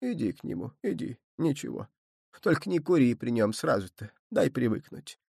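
A man voicing a kind old grandmother who speaks in a soft, hushed, soothing voice, in an audiobook reading. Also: medium pitch, big pitch swings, moderate pace, creaky, husky, no room sound, studio quality, heavily acted. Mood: tender.

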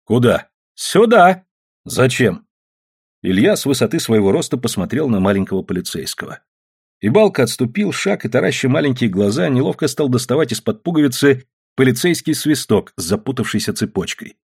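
A man narrating an audiobook in a measured storytelling manner. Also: medium pitch, expressive, vocal fry, a little mellow, slightly rough. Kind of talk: scripted narration.

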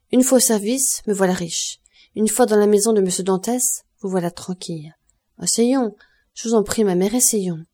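A woman's voice: mid-range voice, dark tone, natural voice. A woman voicing an earnest young man who is a devoted son, in an audiobook reading. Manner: earnest, persuasive, forced cheer.

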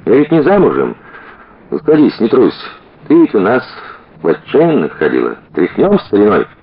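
A man's voice: lowish voice, wildly swooping pitch, moderate pace, slightly rough, dull audio, voice pushed up, full character voice. A man reading aloud and voicing a flippant young woman, a former society girl, who teases and chatters brashly. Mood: teasing.

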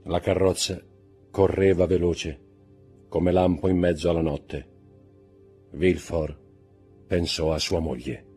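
A man reading a classic novel aloud as a dramatic, measured audiobook narrator. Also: sits low, fairly even intonation, warm tone, husky, soft background music.

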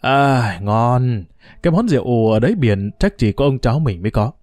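A man's voice: mid-range voice, big pitch swings, very fast, dark tone, no echo, clean studio sound. A man doing a jolly old fisherman grandpa. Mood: boastful. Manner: boastful, teasing.

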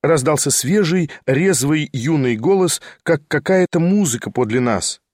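A male narrator reads a classic novel in a measured, expressive manner. His voice sits slightly high for a man. The recording is close and dry, with no room sound. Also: no echo. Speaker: audiobook narrator. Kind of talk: scripted literary narration.

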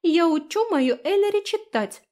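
A woman doing a shrill tiny fairy. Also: lively intonation, normal speed, a little mellow. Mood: proud. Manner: shrill and combative. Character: tiny feisty female fairy companion.

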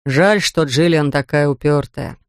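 A reader voicing a tired, gentle middle-aged fisherman who speaks slowly and evenly, read close to a dry studio mic. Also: mid-range voice, dry recording, natural voice. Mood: calm.

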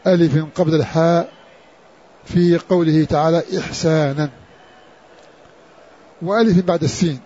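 A man teaching a slow, scholarly lesson on Quran orthography. He speaks in a measured way and repeats key words for emphasis. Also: a little high, dark tone, husky. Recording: dull lo-fi recording.

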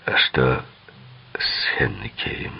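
A man voicing a nervous, impatient male crime boss who speaks in a low, hissing half-whisper. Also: takes it slowly, lo-fi sound, lightly acted. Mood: tense hissing.

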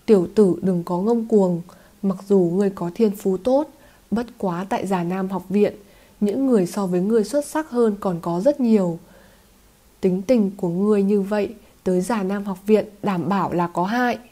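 A cold, scheming young academy senior, read by a woman in a storybook audiobook, his threats delivered in a low, mellow tone. He stays smooth and contemptuous as he warns off a rival. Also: normal speed, natural voice. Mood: cold menace. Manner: coldly threatening.

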